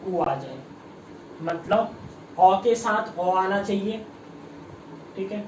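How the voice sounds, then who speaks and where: A man's voice: high-pitched, animated, slow, darkish tone, a little hiss or hum. Man teaching a live online class. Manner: drills students with repeated questions, reads out comments. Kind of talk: live online exam-prep lesson. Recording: echoey room, mic at a distance.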